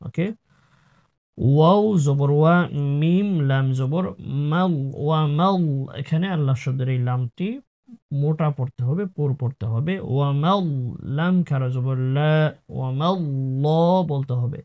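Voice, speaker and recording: A man teaching Quran recitation in a lesson, spelling each syllable and then chanting the whole word in a slow, drawn-out way. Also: a little high, highs cut off.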